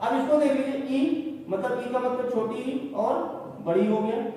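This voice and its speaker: Echoey high-voiced teacher asking and answering. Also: male voice, unhurried, mellow. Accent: Hindi, North Indian. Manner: asks the class questions and answers them himself, repeating mnemonics. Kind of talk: exam-prep grammar lesson. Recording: echoey hall recorded from far off.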